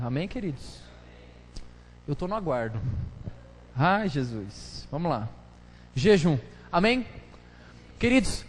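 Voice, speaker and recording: A pastor preaching a casual, joking sermon full of slang, chatting with his congregation during a live church service. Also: sits high. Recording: live church hall reverb, faint noise.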